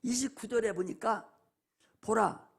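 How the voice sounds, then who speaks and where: A man's voice: high-pitched, measured pace, breathy edge. A male pastor preaching a sermon in a church, impassioned and emphatic, repeating his points. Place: church sanctuary.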